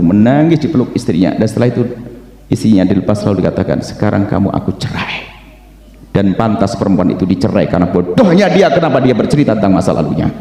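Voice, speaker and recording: A man preaching a sermon, telling stories with animated delivery that rises to shouts for emphasis. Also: on the low side. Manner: animated storytelling, rising to shouts. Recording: echoey hall with long reverb.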